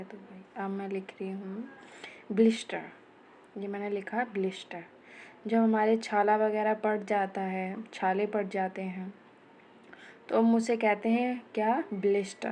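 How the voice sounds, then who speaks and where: A woman teaching vocabulary slowly and deliberately, in a mellow, low-key voice that stays flat in pitch. She repeats each word back as a question and its answer, and her voice often sinks to a whisper. A faint hiss sits under the recording. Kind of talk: vocabulary lesson, writing and explaining words.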